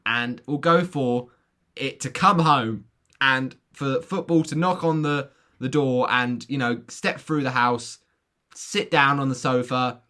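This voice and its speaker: A man with a hoarse voice that is giving out, casually talking viewers through football predictions in an informal, chatty way. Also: mid-range voice, fairly bright tone.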